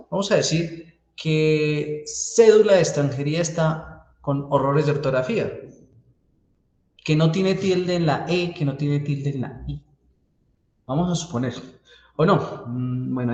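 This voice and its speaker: This man's voice sits a little high and sounds a little mellow as he teaches a university database class by live coding, stepping through the code and often pausing to check on his students. Faint typing can be heard in an echoey room.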